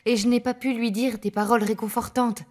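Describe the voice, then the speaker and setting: An actress dubbing a telenovela, playing a woman speaking softly and reflectively. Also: fairly high pitch, steady tone, fairly quick, natural voice. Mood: tender. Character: woman, tender and cautious. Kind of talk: dubbed telenovela acting.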